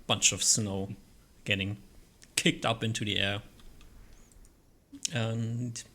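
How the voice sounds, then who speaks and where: A man improvising casual narration as game master of a tabletop game, halting as he thinks aloud. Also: fairly low pitch, fairly even intonation, bright, forceful tone.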